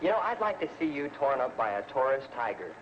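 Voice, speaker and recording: A man's voice: medium pitch, sing-song, quick pace, natural voice. A man playing a brash, wisecracking American spaceship crewman in a 1950s sci-fi serial, full of slangy talk. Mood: scrappy, mocking. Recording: dull, noisy old film soundtrack.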